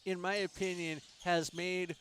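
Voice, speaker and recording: A man calling play-by-play at a handball game in a measured, steady way. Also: sits high, slight background noise. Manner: measured, calls the action. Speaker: play-by-play commentator. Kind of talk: sports play-by-play.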